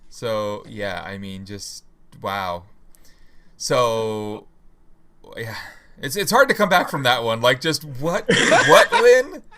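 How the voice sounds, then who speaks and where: A slow-talking man on a remote call, his voice bright and sharp-edged. His volume is uneven, swelling and sinking as echo cancellation clips him. He speaks haltingly, restarting with plenty of fillers. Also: medium pitch, expressive, a little hiss or hum. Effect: uneven volume, audio cutting in and out. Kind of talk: casual political chat. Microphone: remote call mic with echo cancellation.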